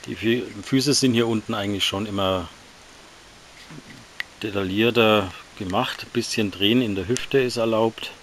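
A man casually reviewing action figures, talking in a relaxed, slightly halting way while he handles them. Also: lowish voice, a little hiss or hum.

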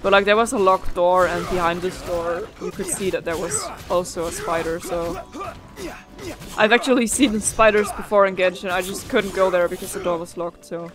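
A woman's voice: fairly low pitch, normal speed, over music. A young woman giving casual, reactive let's play commentary in a rambling way. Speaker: gaming let's player.

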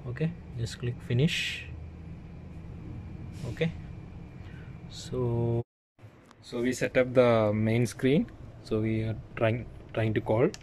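A tech tutorial presenter at an indoor workbench guides viewers step by step through a hands-on demonstration using brief, simple instructions. His medium-pitched voice stays steady, the pace is slow, and he pauses often. Recorded on a handheld phone, the clip has clearly noisy room sound.

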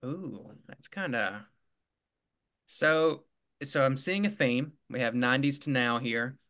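Bright-voiced man thinking aloud. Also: mid-range voice, slow pace. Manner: hesitant, repeats words while thinking. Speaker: game contestant. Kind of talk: casual podcast chat.

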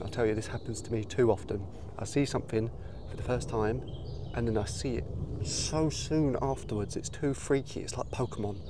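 A British man in his thirties chatting casually to camera as he vlogs about wildlife outdoors. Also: fairly low pitch. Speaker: wildlife vlogger. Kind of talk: casual vlog chat to camera while out walking. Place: outdoors on heathland and in open woodland. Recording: outdoor background noise, birdsong and ambience.

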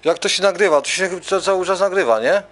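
A man's voice: high voice, fairly quick, a bit bright. A man ranting in a loose, rambling way, repeating himself and swearing constantly. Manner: rambling, repetitive, heavy swearing. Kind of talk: profane rambling rant and freestyle rap. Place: recording studio.

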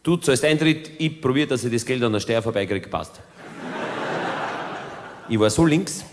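A man with an Austrian accent performing a rambling, deadpan cabaret monologue that keeps interrupting itself. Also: mid-range voice, normal speed. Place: theater stage, live audience. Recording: reverberant theater hall, faint noise.

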